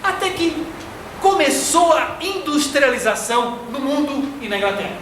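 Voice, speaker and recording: A man from Florianópolis with a Brazilian Portuguese accent, giving a slow, didactic spiritist lecture. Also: extremely high pitch, big pitch swings, fairly bright tone. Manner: didactic, slow and deliberate, fond of diminutives. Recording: echoey hall from far off, faint noise.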